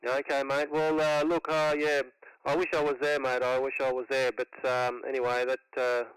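A man's voice: mid-range voice, monotone, normal speed, a little hiss or hum, poor audio. A man with an Australian accent, making a casual ham radio contact in a laid-back, matey way. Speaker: amateur radio operator.

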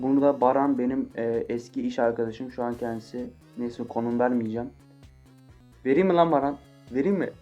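A man's voice: mid-range voice, warm tone, muffled recording. An eighteen-year-old man answering viewer questions in a casual vlog, joking and swearing with mock-angry outbursts. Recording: faint guitar music behind.

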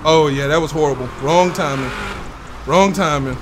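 A young man giving excitable, laugh-filled live commentary on his gameplay as a streamer, swearing often. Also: fairly high pitch, moderate pace, noisy background. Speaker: gaming streamer.

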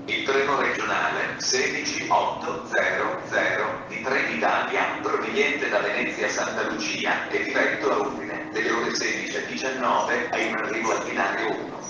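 A man's voice: fairly low pitch, normal speed, few pauses, muffled recording. Echoing male train station announcement. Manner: formal, segmented automated delivery. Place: outdoor railway platform, over public-address speakers. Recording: echoey outdoor loudspeaker from far off, loud noise. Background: loud station ambience and vehicle noise.

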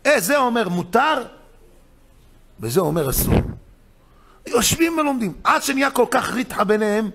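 A man, a rabbi giving a weekly Torah lesson, telling stories with big swings between loud excited emphasis and low hushed asides. He acts out the voices of the people in his stories. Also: gravelly, pauses often. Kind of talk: animated storytelling lesson.

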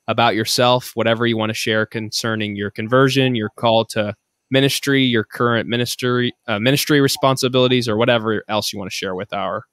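A man hosting a podcast interview, speaking in a measured, polite way. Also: medium pitch, steady tone, a bit bright, no echo, studio quality. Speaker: podcast host.

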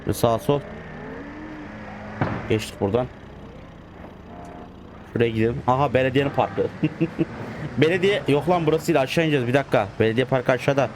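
A man giving casual, excitable commentary as he plays a driving game, scolding the computer drivers. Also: medium pitch, a little fast, pauses often. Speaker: gaming channel host. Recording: loud game car noise behind.

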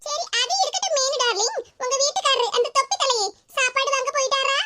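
A woman's voice: animated, quick pace, sharp tone, dry recording, heavily acted. A woman voicing a scheming, sweet-talking neighbor woman in a cartoon, with a Tirunelveli Tamil accent. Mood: gushing. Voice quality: high and squeaky. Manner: coaxing, sugary, then plotting. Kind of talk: cartoon voice acting.

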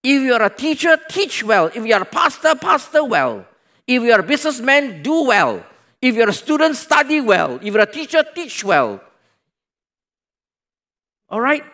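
A man preaching a sermon as pastor, with a Malaysian English accent. He swings from loud exclamations to hushed near-whispers, repeats his points and asks the congregation questions. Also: very high voice, sing-song, moderate pace.

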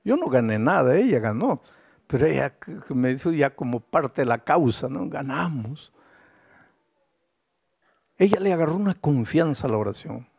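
A male pastor tells a story in his sermon with lively, swooping intonation and rhetorical questions. His voice is gravelly and husky, with a dark, mellow tone. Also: fairly high pitch, a little fast.

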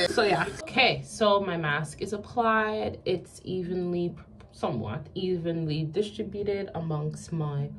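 A woman's voice: lowish voice, slight background noise. A young woman vlogging casually in playful, tongue-in-cheek zoomer slang, speaking toward a camera in a small bathroom. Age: young adult. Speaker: beauty vlogger. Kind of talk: casual vlog chat. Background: music under the voice.

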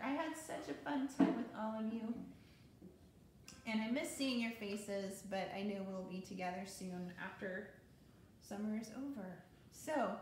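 A woman music therapist leading a sung lesson for children, cheerful and gentle as she sings and talks to the kids. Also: mid-range voice, slight background noise. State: voice tiring from singing. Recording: very echoey room with guitar.

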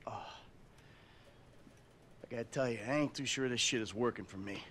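A man's voice: mid-range voice, moderate pace, fairly bright tone, a little hiss or hum, lightly acted. A man voicing a jaded middle-aged ex-robber in a game cutscene, bitter and sarcastic, swearing often. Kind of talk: video game cutscene acting.

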